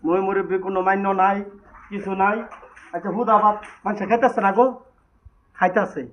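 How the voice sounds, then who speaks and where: A man's voice: high voice, fairly even intonation, a little fast, roomy sound, muffled recording, slight background noise, natural voice. Man playing a stingy pleading village father. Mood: lamenting. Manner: pleading, then lamenting loudly. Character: poor stingy village father, coaxing and scolding. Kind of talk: village comedy sketch.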